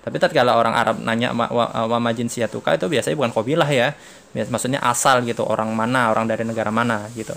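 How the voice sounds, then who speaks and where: Indonesian man, casual teacher voice, slow deliberate reads, relaxed explaining. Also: medium pitch, vocal fry. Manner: slow, drawn-out reading of dialogue lines, then relaxed explaining with fillers. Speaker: Arabic teacher. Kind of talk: casual online lesson.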